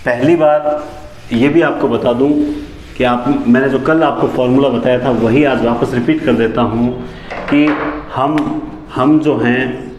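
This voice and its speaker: A man teaching a lesson, who repeats key phrases back as questions and sometimes talks fast enough that his words tangle. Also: medium pitch, fairly even intonation, darkish tone, roomy sound, lo-fi sound, slight background noise. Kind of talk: classroom lecture on teaching methods.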